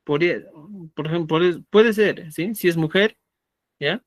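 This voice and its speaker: A man's voice: high-pitched, a little slow, no echo. A man teaching a live online language class, explaining patiently and often checking in with the students. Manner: explanatory, checks understanding with frequent "¿ya?". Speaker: Quechua teacher.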